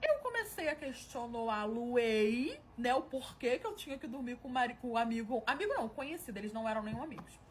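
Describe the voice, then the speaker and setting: A woman's voice: fairly high pitch, expressive, fast talker, few pauses, slight background noise. A woman telling a dramatic personal story in a casual, gossipy way, acting out what others said. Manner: gossipy, dramatic, quotes people in changed voices.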